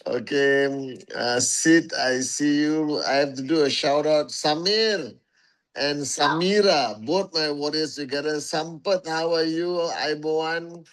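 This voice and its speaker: His voice is a little high, a bit bright, and smooth, and he takes his time. On a phone mic, he hosts a casual livestream for network marketing followers, calling each viewer a warrior as he greets them one at a time and repeating phrases for emphasis.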